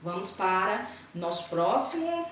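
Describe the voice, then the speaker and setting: A woman's voice: medium pitch, big pitch swings, a little slow, a bit bright, slight background noise. A woman with a Brazilian Portuguese accent teaching a grammar lesson, patiently checking in with her students after nearly every phrase. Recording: echoey room, voice from a distance.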